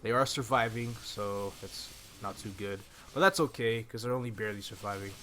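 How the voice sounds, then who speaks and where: Fairly quick and sharp in tone, a lowish male voice gives relaxed, explanatory walkthrough commentary on a video game. The speaker is a gaming YouTuber in his twenties, close to a stand-mounted desktop microphone, with game music and a little hiss or hum in the background.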